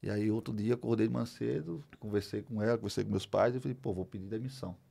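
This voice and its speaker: A middle-aged Brazilian man telling a personal story as a podcast guest, animated, acting out the dialogue as he goes. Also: on the low side, fast talker, gravelly. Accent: Brazilian Portuguese. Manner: animated, acts out dialogue, many fillers. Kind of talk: storytelling in a casual interview.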